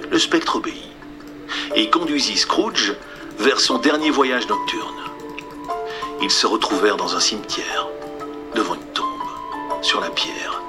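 Hushed male storyteller over music. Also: on the low side, expressive, unhurried, long pauses. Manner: soft, hushed delivery that often drops to a near whisper. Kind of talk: scripted storybook narration.

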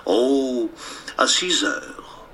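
A man voicing a sly, scheming big bad wolf in a storybook reading, speaking lower and drawing out his words. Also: huge pitch swings, extremely slow, heavy background noise, exaggerated voice. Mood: sly coaxing.

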